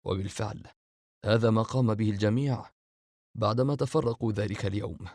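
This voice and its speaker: The eldest brother, calm and steady, speaking a little lower than the reader's own voice, as a man reads him. The recording is dry and close. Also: fairly quick, gravelly, no room sound. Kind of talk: audiobook character reading.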